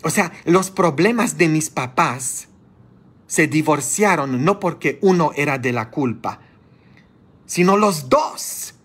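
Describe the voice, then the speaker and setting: A priest delivers a sermon in a fairly high voice, speaking slowly and deliberately. He scolds his congregation with passion, and his voice leaps upward when he presses a point. The recording is a live stream from a church. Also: animated, a bit bright, husky. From grew up as a child of immigrants. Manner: impassioned, scolding, with sudden high outbursts.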